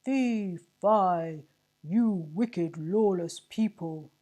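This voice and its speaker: A blustering storybook sergeant bellows slow, drawn-out threats, as a woman puts him on. The tone stays dark and mellow, the words dragged out for menace. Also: sits low, fairly even intonation, vocal fry, heavily acted. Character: blustering angry male sergeant.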